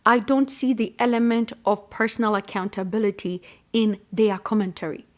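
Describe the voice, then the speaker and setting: A woman hosts her own solo commentary show. She speaks as a sociologist, measured and emphatic, leaning into her points. Her voice sits at an everyday middle pitch. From Ghana. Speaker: sociologist and podcast host.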